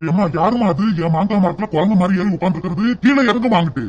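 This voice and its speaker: A man's voice: sits high, very fast, dull audio, lightly acted. A man doing a grumpy old grove owner. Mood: angry scolding. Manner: shouting, scolding. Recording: loud background hiss.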